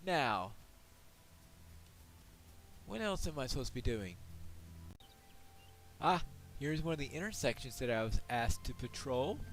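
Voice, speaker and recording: Animated, unhurried man doing game commentary. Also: medium pitch. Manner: musing aloud, wry asides. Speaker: gameplay host and player. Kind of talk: casual solo game commentary.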